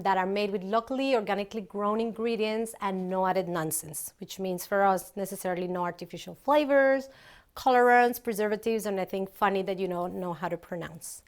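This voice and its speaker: In a spacious open kitchen, a company founder from Colombia walks through a recipe in a relaxed way. This middle-aged woman has a mid-range voice and talks chattily, full of ums and false starts.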